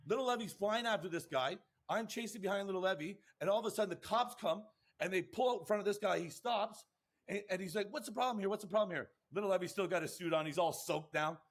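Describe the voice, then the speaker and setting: A man, a lacrosse podcast co-host and coach, telling rambling, excitable stories full of acted-out quotes and swearing. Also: high-pitched. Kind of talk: animated storytelling.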